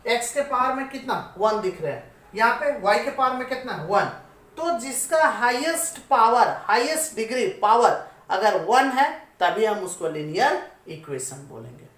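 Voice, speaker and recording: A woman's voice: on the high side, animated, moderate pace, a bit bright. A woman teaching a maths lesson, asking her students questions and then answering them herself. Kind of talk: classroom-style maths lesson. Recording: echoey room, voice away from the mic.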